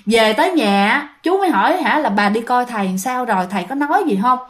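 A woman's voice: a little high, lively intonation, fairly quick. A woman with a Southern Vietnamese accent, casually retelling a ghost story and chatting directly to her listeners.

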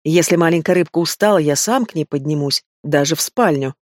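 A man's voice: a little high, lively intonation, fairly quick, dry recording, clean studio sound, close to an everyday voice. A man reading the part of an arrogant male demon with a purring, insinuating manner. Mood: smug.

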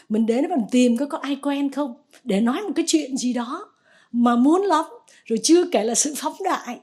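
A Buddhist nun giving a conversational Dharma talk, telling stories and gently exhorting. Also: female voice, on the high side, slightly rough.

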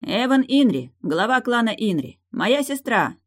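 A woman's voice: fairly high pitch, big pitch swings, measured pace, pitched above the performer's own voice. A woman voicing a young male clan head who speaks formally, in an audiobook.

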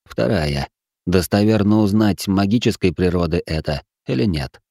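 A man's voice: low voice, moderate pace, creaky, dark tone, no echo, clean studio sound. Man playing a grim nobleman speaking through teeth. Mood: tense grim. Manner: clipped, through clenched teeth.

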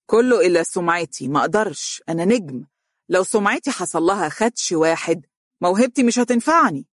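A man's voice: high-pitched, lively intonation, a little fast, a bit bright, no echo, clean studio sound. A narrator voicing an arrogant young male star with an Egyptian accent. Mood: scornful. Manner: scornful, defensive.

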